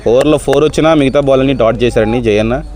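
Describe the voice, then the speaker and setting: A man giving excited cricket commentary outdoors, repeating short phrases as he calls the play. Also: mid-range voice, fast talker. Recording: outdoor crowd noise behind.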